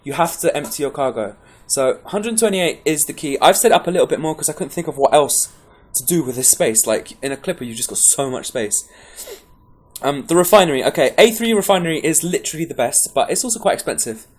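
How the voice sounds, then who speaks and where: A game guide presenter talks through a loose, rambling gameplay tutorial, chatty and constantly restarting his sentences. His voice sits a little high, with lively intonation and a fairly quick pace. He sounds caffeinated and pepped up.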